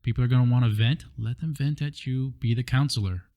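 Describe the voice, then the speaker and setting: A man from Hawaii hosting a podcast, a former police officer, talking in a relaxed, reflective way with lots of fillers. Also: medium pitch, fairly quick. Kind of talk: casual podcast conversation. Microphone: studio microphone.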